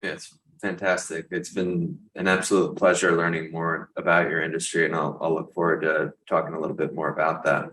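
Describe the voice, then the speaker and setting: Deep-voiced guy hosting a podcast, upbeat and agreeing, echoey room. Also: flat delivery, brisk, a bit bright. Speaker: podcast host. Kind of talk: podcast interview. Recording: roomy room sound.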